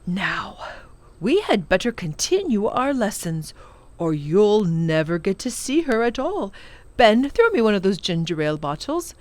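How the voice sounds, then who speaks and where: Reading from a children's storybook, a woman plays a kind, scholarly old male professor who relishes long words and exclaims with excited playfulness. Her medium-pitched delivery is very animated yet unhurried and a little mellow, captured in a dry recording.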